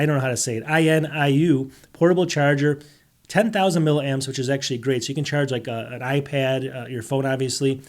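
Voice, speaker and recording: Fast-talking man running through tech deals. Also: a little high, darkish tone. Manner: rambling, self-interrupting, asks rhetorical questions. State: losing his voice. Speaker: tech deals video host. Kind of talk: casual tech deals walkthrough.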